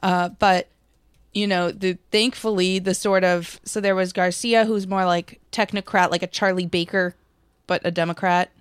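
A woman's voice: fairly low pitch, fairly even intonation, moderate pace, clean tone, no room sound, studio quality. An American woman hosting a political commentary show, reading news articles aloud and adding casual, wry, sarcastic remarks.

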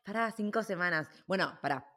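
A woman's voice: medium pitch, expressive, a little fast, bright, forceful tone. A woman with an Argentine accent hosting a podcast interview, effusive toward her guest. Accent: Argentine Spanish. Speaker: podcast host. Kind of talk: casual interview chat.

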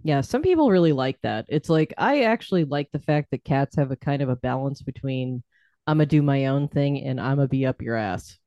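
A man's voice: medium pitch, animated, normal speed, dark tone, no echo. Guy with dry wry comments, casual beer podcast, kinda muffled dry audio. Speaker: podcast co-host. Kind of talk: casual chat over beers.

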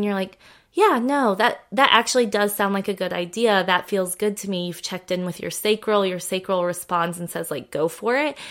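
Chatty woman coach, lively quoted asides. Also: medium pitch. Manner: chatty, lots of "like", acts out quoted thoughts in brighter voice. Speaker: podcast host and coach. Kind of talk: casual explanatory monologue.

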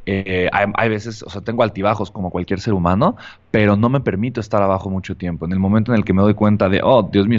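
A man speaking as a guest in a casual interview conversation, talking in a hesitant way with many restarts. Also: fairly low pitch. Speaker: podcast guest. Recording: dull lo-fi sound.

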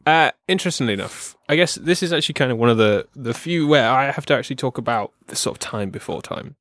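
A man's voice: medium pitch, expressive, fast talker, fairly bright tone, no echo, studio quality. A man acting as game master, explaining game lore in casual podcast chat, laughing often and swearing casually.

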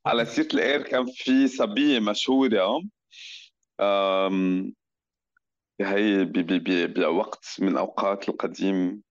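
A man's voice: deep voice, a little slow, no room sound, dull audio. A man with a Levantine Arabic accent chatting casually as a guest, searching for words and mixing in some English. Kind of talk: casual chat.

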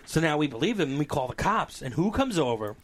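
A man co-hosting a casual talk show, telling a dream story in an animated way, swearing often and acting out voices. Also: fairly high pitch, fast. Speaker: podcast co-host.

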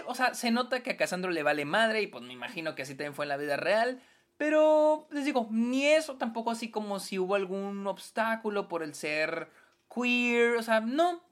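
A woman with a Mexican accent giving a casual film review, slangy and animated, with many filler words. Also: on the high side.

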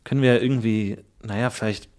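A man's voice: fairly low pitch, steady tone, a little fast, a little mellow, voice pushed down, close to an everyday voice. A man voicing a summoned female spirit who speaks in a hesitant, coy way. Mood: flirty.

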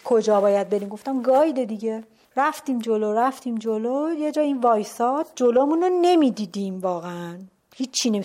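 Animated woman telling a story, sometimes whispering. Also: a little high. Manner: animated, drops to a hushed whisper at tense moments; trailing off and restarting mid-word. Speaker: storyteller recounting a climb. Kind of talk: casual spoken storytelling.

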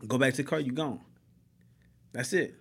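A man's voice: medium pitch, moderate pace, vocal fry, breathy edge. A young adult man, a police officer, talking casually and acting out traffic stops, swearing freely in slangy speech. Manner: animated storyteller, acts out both sides of traffic stops. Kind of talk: casual podcast chat.

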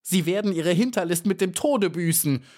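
A man voicing a brave, proud little female bee in a storybook reading, with a high, eager, earnest voice. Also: expressive, measured pace, lightly acted. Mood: defiant.

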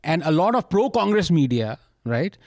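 A man's voice: fairly high pitch, very animated, normal speed, darkish tone, no echo, studio quality. Emphatic man, drier recording. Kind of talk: opinionated panel discussion.

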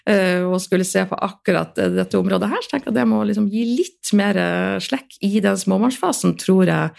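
A woman's voice: mid-range voice, creaky, a little mellow. A middle-aged woman with a North Norwegian accent, talking casually and reflectively as an interview guest, thinking aloud with hesitations and repeated words. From Northern Norway.

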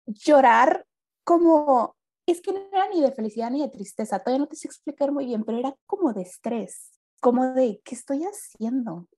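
A young woman, a podcast guest telling a personal story in casual chat and acting out the dialogue with lively jumps in her voice. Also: moderate pace. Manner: animated, acts out quoted dialogue with big pitch jumps.

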